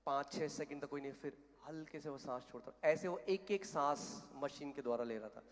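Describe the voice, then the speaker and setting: A male preacher giving a sermon and telling a story, emphatic, building to loud declarations and dropping English phrases into his speech. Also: on the high side, fairly quick. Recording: long echo of a hall.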